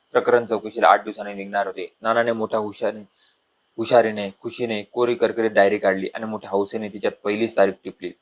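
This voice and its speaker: A man reading a humorous village story aloud, lifting his voice for the characters' lines. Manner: voices the dialogue with louder, higher bursts.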